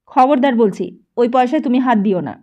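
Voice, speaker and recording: A woman's voice: fairly high pitch, normal speed, darkish tone, dull audio, close to an everyday voice. A woman voicing an irritable young man who answers his mother with curt, angry retorts. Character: irritable young man, short-tempered son.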